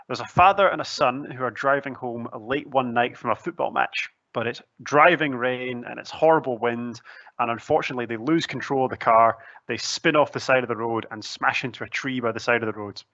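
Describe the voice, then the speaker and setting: Young male presenter, broad Scottish accent, conversational and articulate, bright tone, dry close headset sound. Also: medium pitch, brisk, no echo, muffled recording. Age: young adult. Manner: chatty, articulate, lightly humorous. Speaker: student recruitment officer giving a presentation. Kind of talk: conversational pre-recorded presentation. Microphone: headset, seen on webcam.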